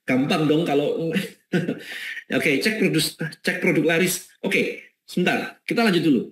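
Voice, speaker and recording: Lively man teaching an online webinar. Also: a little high, unhurried, reverberant, slight background noise. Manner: lively, conversational teaching with many "oke" and "ya". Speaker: webinar speaker.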